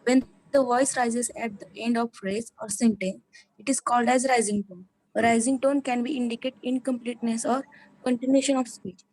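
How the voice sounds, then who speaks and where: A woman's voice: a little high, fairly even intonation, moderate pace, a little mellow, rough recording. A female student reading a passage aloud in class.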